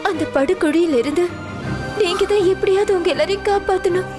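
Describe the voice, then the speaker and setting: A woman's voice: very high-pitched, brisk. Sorrowful sick young woman. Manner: pleading, sorrowful. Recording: film soundtrack with music behind.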